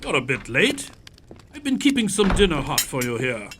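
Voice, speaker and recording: A man playing genial old Doctor Watson, lively high-pitched. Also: moderate pace, over music. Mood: genial, reminiscing. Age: older. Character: genial older doctor, loyal companion reminiscing over old cases. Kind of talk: radio-play acting and storytelling.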